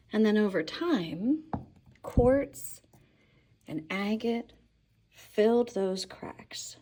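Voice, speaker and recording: A woman's voice: medium pitch, mellow, breathy edge. A woman who runs a crystal shop, showing stones on a casual tour and talking with enthusiasm, sometimes dropping to a whisper. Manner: enthusiastic, drops to whispers now and then. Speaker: shop owner. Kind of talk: product showcase tour. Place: crystal and mineral shop, indoors.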